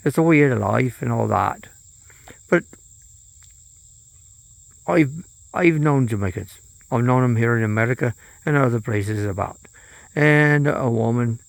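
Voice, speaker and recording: A man's voice: mid-range voice, vocal fry, no echo. A man delivering a rambling, profane political monologue, often trailing off and restarting.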